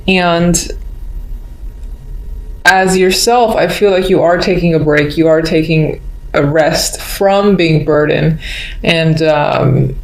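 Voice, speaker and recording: Slowly and with long pauses, a woman with a deep, darkish voice offers an improvised tarot horoscope, addressing the listener as she muses mystically. Roomy echo, background noise, and faint clicks color the recording.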